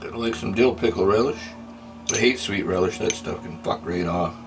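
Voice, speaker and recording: A man's voice: low-pitched, moderate pace, gravelly, background noise. A man giving a casual, unscripted food review in blunt, crude, rambling, drunken-sounding talk, swearing constantly.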